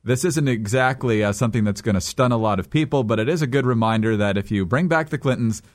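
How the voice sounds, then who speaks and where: A man hosting a radio news show, delivering items in a dry, deadpan way. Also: medium pitch, fast. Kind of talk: casual news discussion.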